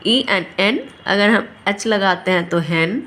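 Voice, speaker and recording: A woman's voice: mid-range voice, takes it slowly, fairly bright tone. A woman teaching a phonics lesson, patiently sounding out each letter. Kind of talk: phonics lesson for parents and children.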